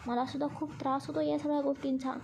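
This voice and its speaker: A storybook young man with a short temper and a teasing streak, as a woman reads him. He sounds defensive and indignant, his lines set high and soft-toned over a faint hiss. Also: flat delivery, racing, creaky. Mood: hurt, irritated.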